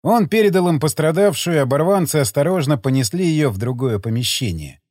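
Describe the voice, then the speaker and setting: A man narrating an audiobook in an expressive storytelling manner. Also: a little high, fairly quick, no room sound, studio quality. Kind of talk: scripted narration.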